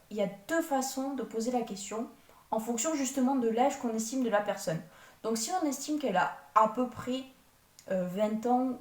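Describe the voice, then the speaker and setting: A woman with a fairly high voice teaches a language lesson at an unhurried pace. She explains patiently step by step and sounds out each foreign word slowly. Her voice is picked up from a distance in an echoey room. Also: darkish tone.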